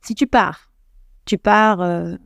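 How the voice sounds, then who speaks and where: A woman's voice: lowish voice, takes it slowly, gravelly, dry recording. A French woman hosting a podcast, giving casual advice to the listener in a chatty way, full of restarts. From France. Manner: chatty, addresses listener directly, many restarts. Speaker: podcast host, English coach.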